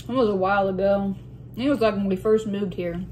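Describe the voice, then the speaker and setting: A woman with a medium-pitched voice reads out questions and chats casually while eating soup, in the relaxed style of a mukbang vlog host. The recording has noticeable room noise with dishes and cutlery clattering, and she stops now and then to clear her throat.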